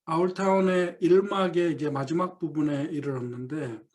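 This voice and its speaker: A middle-aged male professor giving a lecture, explaining a play and reading quoted lines slowly. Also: fairly high pitch, fairly even intonation, a little mellow. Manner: reads quoted English lines very slowly, then explains them.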